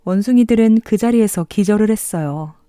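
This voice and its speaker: A woman reads a bedtime fairy tale as if to a toddler. Her voice is very dark and soft-edged, with gentle, expressive storytelling, recorded dry and close. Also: medium pitch, fairly quick, dry recording. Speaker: storybook narrator. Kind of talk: bedtime fairy tale narration for young children.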